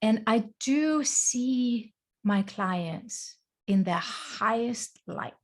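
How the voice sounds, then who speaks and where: A mid-range voice belongs to an earnest Danish woman, guesting as a life coach in a conversational video-call interview. She reflects as she talks, in short phrases.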